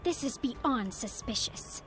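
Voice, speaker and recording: An actress playing a blunt, sharp-tongued young female rebel leader. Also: a little high, lively intonation, takes it slowly, soft background music.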